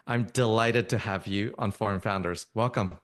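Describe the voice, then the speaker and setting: Low-voiced male podcast host. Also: normal speed. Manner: read-aloud introduction, friendly. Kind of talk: podcast interview.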